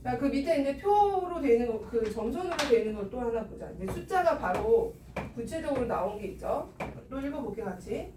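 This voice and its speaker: A woman teaches math to a class in a high voice, speaking a little fast with a coaxing tone and repeatedly asking students questions. She sounds far from the mic in an echoey room, with a steady noise running in the background.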